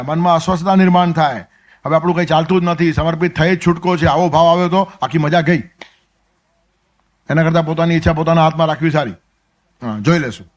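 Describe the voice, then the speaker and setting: A man with a Gujarati accent giving a Gita discourse, telling stories and acting out the characters' lines. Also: high-pitched. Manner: storytelling, acts out dialogue with sudden drops to soft asides. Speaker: spiritual discourse speaker.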